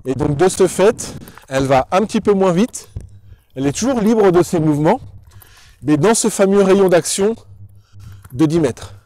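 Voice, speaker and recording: A man's voice: high-pitched, lively intonation, normal speed, pauses often, mellow, no room sound, rough recording. A man working as a dog trainer, explaining things in a didactic, instructional way and addressing the viewer directly. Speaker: dog trainer presenting a tutorial.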